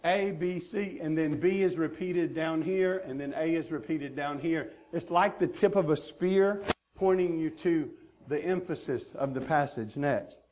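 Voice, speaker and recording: A male pastor delivers a sermon in an earnest, emphatic manner, driving his points home with repeated phrases. His voice sits a little higher than most men's. He speaks from a church stage mic. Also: a little slow, a little mellow, slight background noise. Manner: earnest preaching with emphatic repetition.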